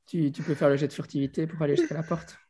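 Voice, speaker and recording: A man's voice: on the high side, fairly even intonation, fast, dark tone, breathy edge. A man improvising narration as game master of a tabletop game, hesitantly searching for his words.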